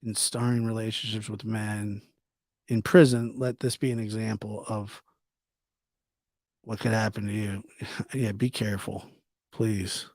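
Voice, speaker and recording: A livestream host speaks a little slowly with long pauses, his fairly low, slightly mellow voice delivered flatly. He chats casually, reading and answering viewer comments in a teasing, informal way and often repeating himself. The recording is dry.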